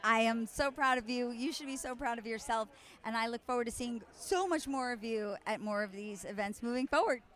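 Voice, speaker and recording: A high-pitched woman brings bubbly, effusive energy to live sports commentary. She works the sideline as a reporter, gushing over players as she interviews them. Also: fairly quick, fairly bright tone.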